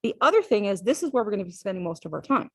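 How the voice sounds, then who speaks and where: Woman, physiology lecturer, chatty classroom delivery, mid-pitched, dry close sound. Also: sing-song, very fast, fairly bright tone, dry recording, low-quality recording. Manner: conversational and repetitive, with frequent "all right?" check-ins.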